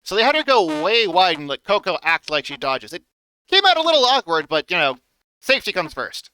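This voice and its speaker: A man streaming casual reaction commentary in an animated, exclamatory and emphatic way. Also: high voice, brisk, smooth, no echo.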